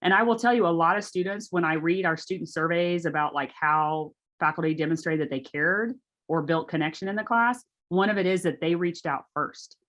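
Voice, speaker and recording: Chatty woman presenter, lowish voice. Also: a little fast, a bit bright. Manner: chatty, conversational, lots of "like". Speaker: faculty workshop presenter. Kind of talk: casual presentation on a video call. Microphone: video call.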